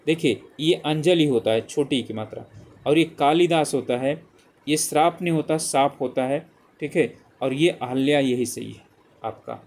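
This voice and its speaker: With a fairly high pitch, a darkish tone and a normal speaking speed, this male teacher walks through multiple-choice spelling questions for an exam. He repeats the answer choices aloud one after another and keeps saying "ठीक है".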